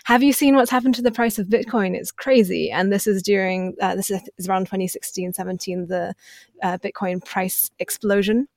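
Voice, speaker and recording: A woman's voice: mid-range voice, steady tone, a little fast, a little mellow, no room sound, clean studio sound. A woman in her thirties, born in China and raised in the UK, speaking as a journalist guest in an articulate way with small stumbles. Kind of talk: interview conversation.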